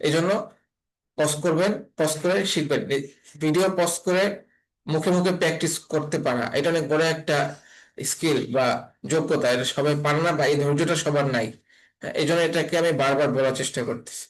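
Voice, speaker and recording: A man's voice: a little high, fairly even intonation, a little fast, low-quality recording. A man teaching an online Quran reading class, patiently spelling out letters and repeating each sound.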